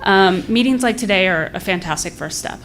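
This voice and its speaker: In a rough recording with a little hiss or hum, a woman with a medium-pitched, slightly bright voice talks fairly quickly. She's an advocacy group director giving earnest, polite public comment in a formal register, partly prepared and partly off the cuff, a bit short of breath.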